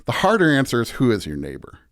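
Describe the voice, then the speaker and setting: A pastor appears as a guest on a podcast, talking fast in a casual, reflective interview with huge swings in his medium-pitched voice. He keeps restarting sentences in an informal, self-deprecating manner.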